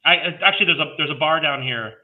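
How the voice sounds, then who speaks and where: A tiki designer joins a relaxed video-call chat as a guest, spinning playful, laugh-filled stories. He talks quickly in a fairly high voice, with slight background noise and a tinny, phone-like sound.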